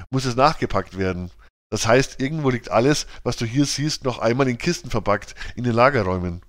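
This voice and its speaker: A man voicing a resourceful boy who calmly plans what his friends should do, speaking in a steady, matter-of-fact way. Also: medium pitch, dry recording, clean studio sound, natural voice. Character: resourceful boy leader, calm and decisive.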